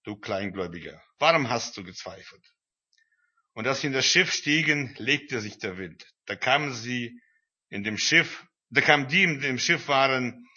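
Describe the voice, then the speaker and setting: Man preaching, bright and husky. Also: mid-range voice, normal speed. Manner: retells scripture in a conversational tone, with many fillers. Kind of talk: sermon. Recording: dull, lo-fi recording.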